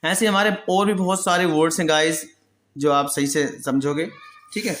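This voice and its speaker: A man's voice: a little high, fairly bright tone. Man drilling pronunciation in an echoey room. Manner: explains patiently, asks and answers his own questions; repeats each word slowly for drilling. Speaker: English pronunciation teacher. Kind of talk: Hindi-language vocabulary lesson.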